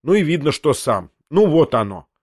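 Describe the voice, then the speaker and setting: A man's voice: on the high side, very animated, moderate pace, darkish tone, dry recording. A brusque, commanding lady of the house, put on by a male audiobook reader, scolding in a raised voice. The sound is close and dry. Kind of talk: audiobook character voice.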